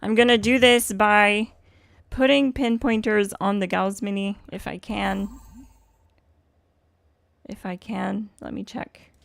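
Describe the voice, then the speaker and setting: Female game streamer, hoarse and gravelly, casual rambling explanations, close dry mic. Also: mid-range voice, level tone, slow, pauses often, no echo. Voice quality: scratchy. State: hoarse from swollen throat. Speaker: live streamer, host. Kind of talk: casual game livestream chat.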